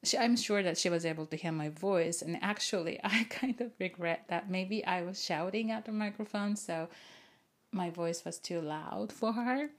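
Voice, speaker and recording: A woman chatting casually and unscripted as an online teacher and video host, switching between two languages and repeating herself in both. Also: fairly low pitch. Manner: chuckles now and then while talking. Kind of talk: casual rambling chat to camera, unscripted.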